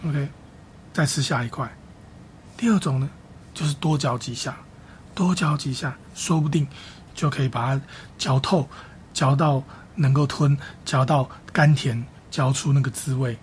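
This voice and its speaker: A man preaching a sermon as a pastor, teaching Bible reading with slow, repeated, emphatic phrases. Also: medium pitch, slight background noise.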